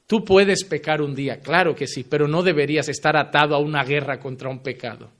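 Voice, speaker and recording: A male pastor preaching a fervent sermon, pressing listeners with direct questions and swinging from loud emphatic lines to low, quiet endings. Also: a little fast.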